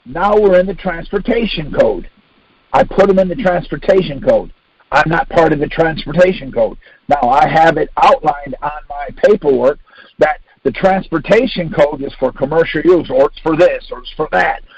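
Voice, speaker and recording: An older American man leads a conference call, delivering an informal yet insistent lesson packed with rhetorical questions and acted-out exchanges. His voice is on the high side and darkish with a breathy edge, moving at normal speed with lively intonation. It comes through a phone conference line as dull, lo-fi audio with no room echo.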